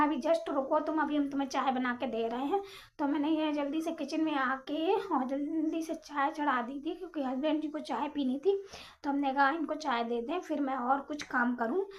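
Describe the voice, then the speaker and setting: A young woman talking quickly and chattily in a casual cooking voice-over for her home vlog. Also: sits high. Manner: rapid, chatty, apologizes for talking fast. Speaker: home vlogger.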